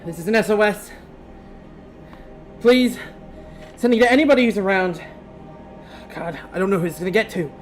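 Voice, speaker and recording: A man's voice: high voice, moderate pace, pauses often, soft background music, pitched above the performer's own voice, close to an everyday voice. A man playing a panicked, stranded space expedition member in a tabletop game, pleading frantically in a raised voice. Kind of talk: tabletop game role-play.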